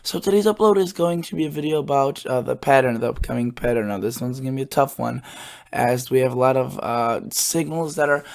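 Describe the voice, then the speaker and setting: A slightly hoarse man hosting his own weather channel explains forecast charts casually and haltingly, with plenty of filler words. His voice is medium-pitched and darkish.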